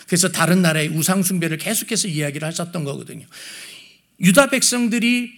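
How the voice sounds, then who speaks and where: A middle-aged man preaching a sermon, telling stories and acting out voices, swelling louder for emphasis. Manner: storytelling preacher, acts out voices in anecdotes; rises in pitch and volume for emphasis. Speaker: pastor.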